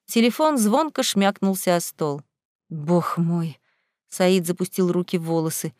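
A woman narrating an audiobook in a steady, dramatic storytelling voice. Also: fairly low pitch, normal speed, no room sound, clean studio sound.

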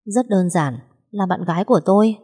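A woman voicing a calm, teasing young man who keeps pursuing the heroine in a read-aloud story. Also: mid-range voice, normal speed, husky, long reverb tail, lightly acted. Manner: teasing, steady and unbothered.

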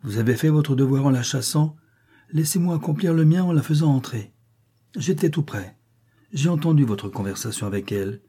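A man voicing a firm, dutiful young gentleman who speaks calmly and with authority in a storybook reading. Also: fairly high pitch, moderate pace, breathy edge, voice pushed up. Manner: calm, commanding.

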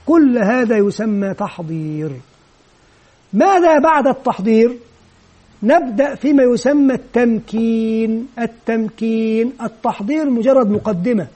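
A man's voice: very high-pitched, a little mellow. A man giving an instructional lecture on teaching children to read, explaining each step patiently and modelling what the teacher says. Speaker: teacher trainer.

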